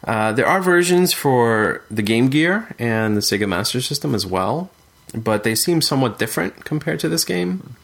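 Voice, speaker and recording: A man's voice: medium pitch, animated, normal speed, vocal fry, fairly bright tone. A man co-hosting a casual podcast chat, talking thoughtfully with frequent fillers and restarts. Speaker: podcast co-host discussing retro games.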